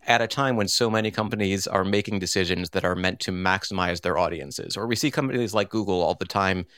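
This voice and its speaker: A man hosting a podcast, asking questions and reading the closing announcements in a measured, explanatory way. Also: low-pitched, a bit bright, clean tone, no echo, clean studio sound. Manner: measured, explains points at length. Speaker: podcast host. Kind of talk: interview and scripted podcast outro.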